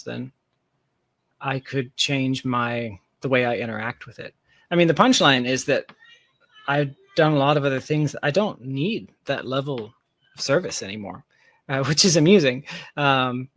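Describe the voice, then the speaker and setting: A software founder with a medium-pitched, fairly bright voice is heard with no echo as an interview guest. He explains his work casually and frankly, adding emphatic asides that poke fun at himself.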